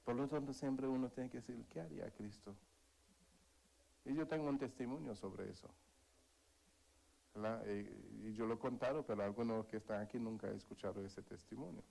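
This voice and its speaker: A man's voice: mid-range voice, steady tone, a little fast, vocal fry, dark tone, poor audio. Male preacher, earnest, sermon with a personal story. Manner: earnest, calls for amens, tells a story.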